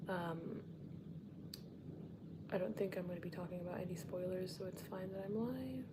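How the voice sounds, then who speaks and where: A woman entertainment reporter chatting casually to her vlog audience at home. She often drops into a soft whisper. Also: fairly low pitch, normal speed. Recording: noticeable background noise.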